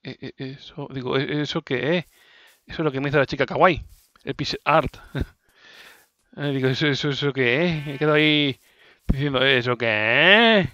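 A man's voice: medium pitch, moderate pace, bright, forceful tone, no echo, highs cut off. A man with an accent from Spain doing casual let's play commentary, playfully talking to game creatures and repeating his words. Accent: Spanish (Spain). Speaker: gaming video host.

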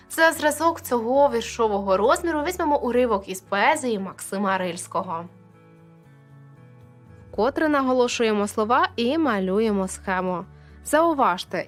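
A woman teacher explaining poetic meter in a video lesson, addressing viewers directly and counting syllables aloud. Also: fairly high pitch.

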